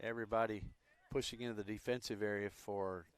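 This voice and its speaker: A man with a fairly low voice calls a soccer match live. His delivery is relaxed and conversational, with plenty of fillers between the plays. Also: fairly quick, clear, resonant tone. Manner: relaxed, chatty, with frequent fillers. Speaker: play-by-play commentator.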